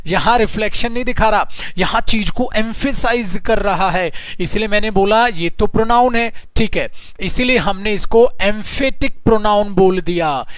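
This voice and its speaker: A man with an Indian accent teaching English grammar online, speaking mostly Hindi, repeating his points and stretching out the example sentences slowly. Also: high-pitched, clean tone, no echo. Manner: repeats phrases, addresses students as children.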